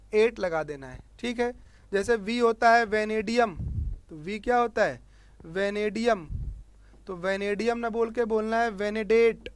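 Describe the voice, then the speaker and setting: A man's voice: sits high, clean tone. A male chemistry teacher with a Hindi accent teaches a class, asking questions and answering them himself. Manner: repeats key words as questions to the class. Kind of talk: board lesson for students.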